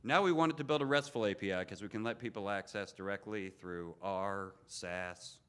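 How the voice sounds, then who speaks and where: A man's voice: on the low side, normal speed, clean tone. A man giving an informal technical lightning talk as a conference speaker.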